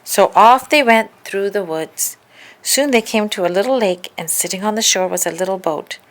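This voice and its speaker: Reading a children's story aloud, this woman narrates in an expressive, deliberate style. Her voice is mid-range.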